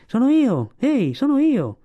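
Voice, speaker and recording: A man voicing an eager young male fur seal in a storybook reading, calling out in a high, urgent voice. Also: expressive, quick pace, a little mellow, dull audio, close to an everyday voice.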